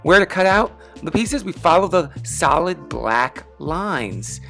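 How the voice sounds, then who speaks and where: A man's voice: a little high, lively intonation, takes it slowly, vocal fry, pushed and bright. Chatty man teaching crafts, slightly off articulation. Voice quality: slightly odd articulation from a sore tongue. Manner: chatty, enthusiastic, self-deprecating. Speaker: craft lesson host. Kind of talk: casual step-by-step craft tutorial voice-over. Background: background music.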